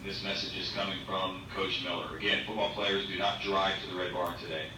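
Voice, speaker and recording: Low man's voice over a school intercom. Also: little pitch movement, far from the mic. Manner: measured, repeats key instructions. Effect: school intercom loudspeaker. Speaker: school administrator making announcements. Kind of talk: public address announcement. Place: heard in a classroom through a wall loudspeaker. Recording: booming echo from a ceiling speaker, noisy classroom.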